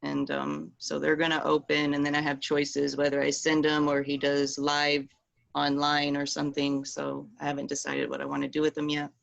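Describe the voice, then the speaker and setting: A woman in her thirties talks loosely over a video call, padding her thoughts with fillers. Her voice is gravelly with fry, and her pitch stays flat and even. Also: moderate pace, highs cut off. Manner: rambling, many fillers. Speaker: meeting participant. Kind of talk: casual video call chat.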